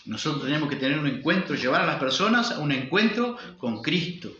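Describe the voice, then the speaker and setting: Uruguayan pastor guy preaching, bright lively voice, echoey dull sound. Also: a little high, a little fast, a little hiss or hum. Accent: Uruguayan Spanish. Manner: emphatic preaching with rhetorical questions and repetition. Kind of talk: sermon.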